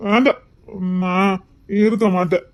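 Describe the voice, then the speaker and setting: A woman's voice: mid-range voice, fairly even intonation, a little slow, natural voice. Woman playing heartbroken drunk young man, Tirunelveli accent, faltering, stammering, pleading. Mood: despairing. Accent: Tirunelveli Tamil. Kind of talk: amateur dramatic dialogue.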